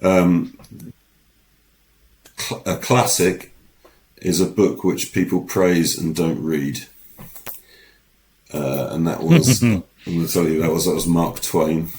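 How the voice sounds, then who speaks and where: A man's voice: deep voice, takes it slowly, pauses often, darkish tone, low-quality recording. A man co-hosting a podcast in a studio, rambling casually with many ums and restarts. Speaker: podcast co-host. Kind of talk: casual chat.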